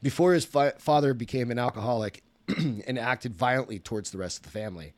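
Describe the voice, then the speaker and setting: A man's voice: mid-range voice, brisk, darkish tone, no echo. A man, host of a podcast, reading a story aloud in a casual way, often stopping to correct himself.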